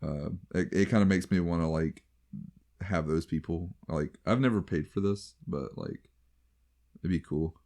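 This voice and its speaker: A man with a low voice and a light Southern US accent, chatting casually as a co-host. He rambles and keeps trailing off and starting his sentences again. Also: a little slow, darkish tone. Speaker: podcast co-host. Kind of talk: casual chat.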